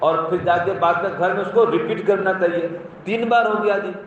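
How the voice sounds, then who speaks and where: A man lectures a room of schoolchildren in a teacherly way, repeating his points and praising the children who answer. His voice sits high and carries from far off, in a very echoey space that sounds dull and muffled. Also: normal speed, slight background noise. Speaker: speaker addressing school students. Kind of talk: moral talk to a class. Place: school hall or classroom.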